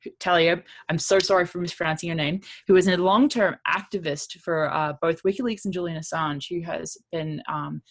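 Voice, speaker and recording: A woman's voice: on the low side, steady tone, brisk. A woman hosting a live online vigil, introducing her guest and asking questions, friendly with some fillers.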